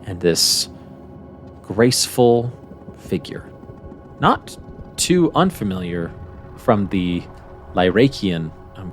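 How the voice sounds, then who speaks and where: Male tabletop narrator, deepish and deliberate, measured storytelling over light background music. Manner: measured, wondering, pauses between phrases. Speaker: game master. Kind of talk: descriptive tabletop game narration. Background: soft music.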